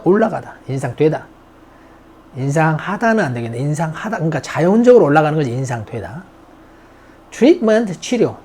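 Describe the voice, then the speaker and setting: A man's voice: fairly high pitch, dark tone. A man teaching English vocabulary, reading each word aloud, repeating it and explaining it. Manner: reads English words aloud, repeats them, then glosses them in Korean. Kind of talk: recorded vocabulary lesson.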